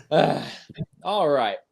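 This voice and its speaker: A man's voice: a little high, gravelly. Man, host, casual livestream chat, rambling, laughs often.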